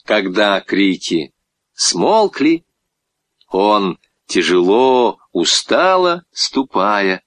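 A man reading a children's story aloud with expressive, swinging delivery. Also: lowish voice, drawn-out words, no room sound.

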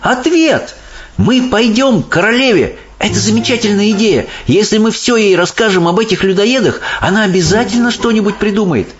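A man voicing a brave, indignant young orphan girl who is quick to protest, in a storybook reading. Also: very high-pitched, very animated, slight background noise, voice pushed up. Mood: eager. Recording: dull audiobook sound, faint music.

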